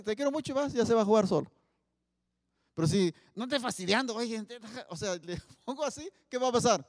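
A man preaching, his voice sitting high for a man. He keeps asking the audience questions and punches out Bible quotes. His voice rings out with a long reverb in a hall. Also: clean studio sound. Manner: asks the audience many questions, loud emphatic Bible quotes. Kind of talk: sermon.

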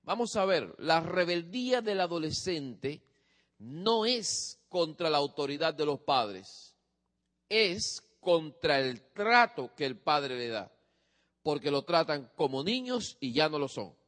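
A man's voice: fairly high pitch, big pitch swings, slow pace, fairly bright tone, long reverb tail. A man giving a lecture on parenting to a live audience, often asking his listeners questions. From from a different country than his audience. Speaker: speaker on parenting teens.

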